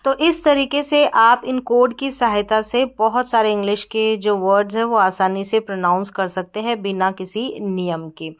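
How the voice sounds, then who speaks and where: A woman's voice: mid-range voice, steady tone, normal speed, few pauses, clean tone. A woman teaching English phonics in a patient, repeating way, asking her students questions. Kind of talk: phonics lesson.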